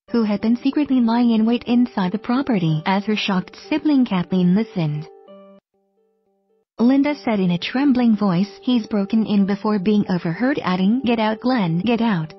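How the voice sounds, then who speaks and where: Woman reading a news report flatly. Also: medium pitch. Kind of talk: scripted news narration. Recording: dull lo-fi audio with faint music.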